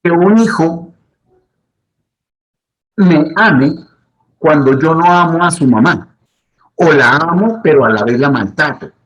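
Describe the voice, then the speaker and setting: A man's voice: a little high, takes it slowly, pauses often, fairly bright tone, low-quality recording. A middle-aged man, a psychologist, giving advice to the camera in a teaching manner and repeating his key points. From Colombia.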